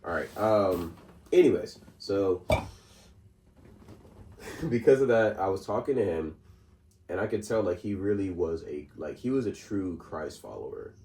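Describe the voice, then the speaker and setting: Deep-voiced man rambling in a roomy podcast. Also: expressive, measured pace, pauses often, darkish tone, far from the mic. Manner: rambling, laughs often, many fillers and restarts. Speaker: podcast co-host. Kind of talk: casual chat. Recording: roomy sound from off-mic, faint noise.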